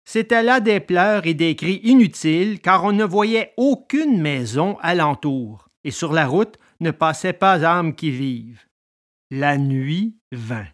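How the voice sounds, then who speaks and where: A woman reading a children's story aloud in an expressive, dramatic manner. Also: lowish voice, a little slow, hardly any pauses.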